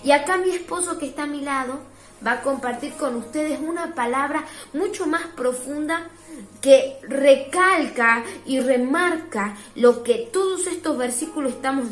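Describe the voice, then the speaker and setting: A woman leading a devotion with a somewhat high voice. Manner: earnest, quotes verses, answers "amén". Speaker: preacher's wife, co-leading devotion. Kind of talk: home devotional sermon. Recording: roomy echo with faint music.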